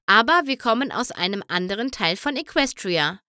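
A woman's voice: medium pitch, expressive, normal speed, pushed and bright, no echo, studio quality. A woman voicing a cheerful young female pony princess who talks in a friendly, reassuring way.

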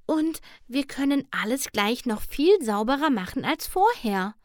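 A woman voicing a gentle, shy pony mare who speaks softly and sweetly in a storybook reading. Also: sits high, sing-song, unhurried, no room sound, clean studio sound, pitched above the performer's own voice. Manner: soft, sweet.

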